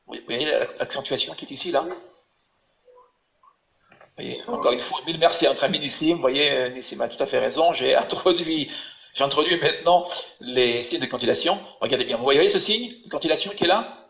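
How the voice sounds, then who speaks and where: A man's voice: on the high side, fairly quick, vocal fry. A man teaching biblical Hebrew in an online class, patient and encouraging, explaining step by step. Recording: echoey room, dull webinar audio.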